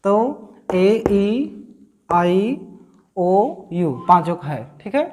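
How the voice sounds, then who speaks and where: A woman's voice: medium pitch, very animated, very slow, a little mellow. A woman teaching a grammar lesson to students, asking questions and answering them herself, repeating each key word.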